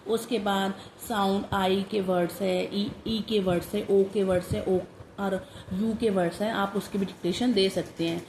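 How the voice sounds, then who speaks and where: A woman teacher, slowly giving a phonics dictation lesson for parents and repeating each sound. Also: medium pitch, steady tone, darkish tone, echoey room, slight background noise, poor audio.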